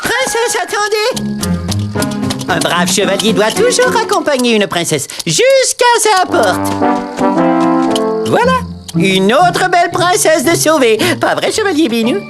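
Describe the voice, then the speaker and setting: A woman's voice: very high-pitched, wildly swooping pitch, unhurried, loud music behind the voice, heavily acted. A woman voicing an eager, chivalrous little knight in a cartoon, with an earnest, instructive manner. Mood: cheerful, eager.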